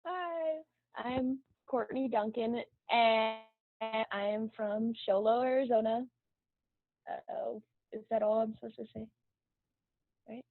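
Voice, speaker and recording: A woman's voice: a little high, slow pace, pauses often, no echo. A woman student giving a short, slightly unsure self-introduction on a video call. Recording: tinny dry phone-like audio.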